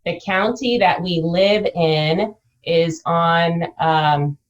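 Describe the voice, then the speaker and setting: A middle-aged woman gives casual interview answers as a business owner. Her voice sits a little low, and the recording is slightly dull. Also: fairly even intonation, extremely slow.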